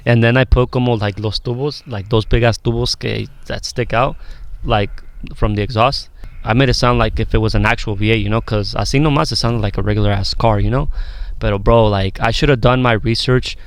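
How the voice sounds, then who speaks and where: Man, podcast guest, smooth clear voice, mid pitch, easygoing, Spanish fillers in English. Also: fairly even intonation, normal speed, no echo. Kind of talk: casual chat.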